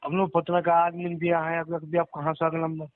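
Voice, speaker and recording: Over a tinny phone line with a roomy echo, a man with a Mewati accent chats informally in rustic dialect on a recorded private call. His voice is on the high side, monotone, at normal speed.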